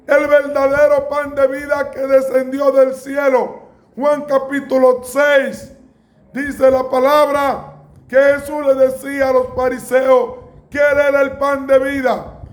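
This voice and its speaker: A man delivers a sermon in a very high, flat-toned voice. He speaks slowly and deliberately, and now and then he breaks into a shout. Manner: slow, emphatic preaching with bursts of shouting. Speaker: preacher.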